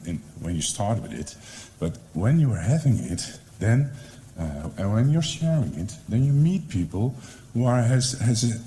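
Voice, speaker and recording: There's slight background noise as a middle-aged man heading a library department presents at a conference in a conference room. He has a Dutch accent and a warm, fairly low voice, and he's hesitant, often using fillers and restarting sentences.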